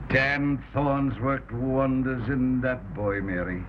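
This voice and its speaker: A muffled, noisy early talkie film recording of a man playing an old father. He speaks extremely slowly and deliberately, with halting, reverent weight. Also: mid-range voice, fairly even intonation, natural voice. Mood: solemn insistence. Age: older. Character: slow-spoken, reverent old father of a grown daughter.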